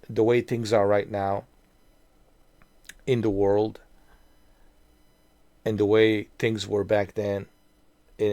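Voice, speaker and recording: Talking to his viewers in a laid-back, nostalgic way, a video creator in his mid-forties rambles with many restarts and fillers. His voice sits on the low side, with no echo in the recording.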